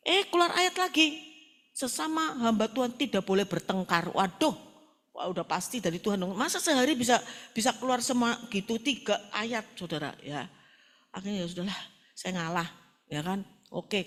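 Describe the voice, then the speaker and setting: A middle-aged woman pastor preaching a sermon, telling stories with quoted dialogue in a colloquial style and often addressing the congregation directly. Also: medium pitch. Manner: animated storytelling with quoted dialogue.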